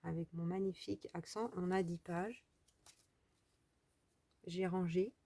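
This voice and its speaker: A woman's voice: on the low side, fairly even intonation, normal speed, vocal fry, mellow, slight background noise. A French woman chatting casually as she walks through a crafting tutorial, thinking aloud with trailing fillers. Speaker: crafting video host.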